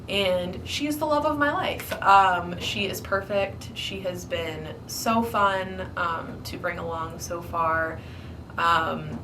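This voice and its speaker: A woman's voice: lowish voice, recorded from a distance, background noise. A young woman vlogger, congested after flu, chatting casually about her hobby with many ums and likes. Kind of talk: casual chat to camera.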